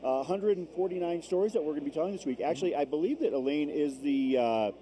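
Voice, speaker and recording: A man's voice: fairly high pitch, lively intonation, quick pace, mellow. A man hosting a live stream of an endurance race, giving conversational commentary. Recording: faint background noise from gym. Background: gym with runners gathering.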